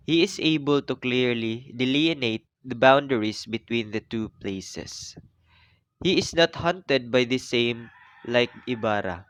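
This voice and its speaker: A young man with a Filipino accent, reading a class presentation in a measured, formal way. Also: mid-range voice, no room sound. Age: young adult. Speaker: student presenter.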